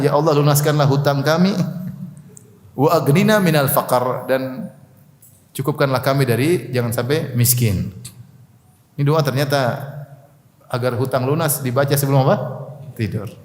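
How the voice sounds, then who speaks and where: A man giving a religious study lecture, reciting Arabic prayers line by line, translating them and joking with his listeners. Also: fairly high pitch. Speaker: Islamic preacher. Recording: echoey hall with long reverb.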